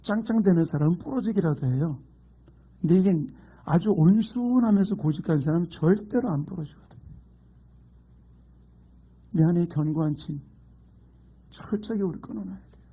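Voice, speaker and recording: A man's voice: sits high, moderate pace, pauses often, dark tone, husky. A middle-aged man from Gangwon Province preaching a sermon as pastor, emphatic and mixing in humorous folksy stories. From Gangwon Province, Korea.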